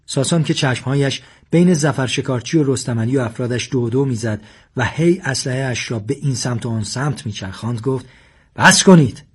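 Husky guy reading a story out loud, calm and quiet, mid pitch. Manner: quiet, steady narration. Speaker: narrator. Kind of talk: read-aloud storytelling.

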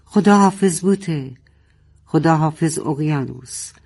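A brave narwhal in a children's story speaks quietly and solemnly, as a man reads it. The voice stays close to the reader's own. It sounds calm and resigned. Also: a little high, gravelly, slightly rough. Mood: solemn farewell. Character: brave, sad narwhal saying farewell.

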